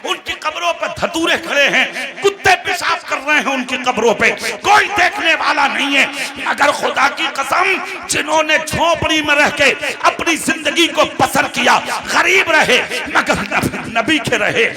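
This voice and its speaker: A man preaching a fiery sermon to a crowd in a booming rally style, with shouted questions and repeated phrases. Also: lively intonation, a little slow, hardly any pauses. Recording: loud live gathering with crowd responses.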